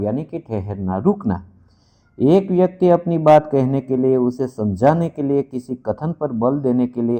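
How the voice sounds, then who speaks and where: A man teaches to camera in a middle-pitched voice. He repeats points and restarts words as he works through them. The recording sounds dull and slightly lo-fi. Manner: repeats itself, with fillers and self-corrections. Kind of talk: lesson to camera.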